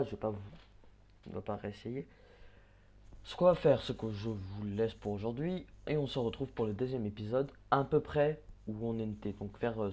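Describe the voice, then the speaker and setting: A man giving casual gameplay commentary, chatting, swearing and muttering quick orders at the characters on screen. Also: lowish voice, a little mellow. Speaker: let's play gamer.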